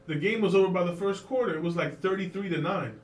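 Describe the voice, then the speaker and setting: A man's voice: high voice, quick pace, roomy sound, distant mic. A man co-hosting a radio show, chatting easily about sports. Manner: easygoing, chatty sports talk. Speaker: radio co-host. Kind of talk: casual radio banter.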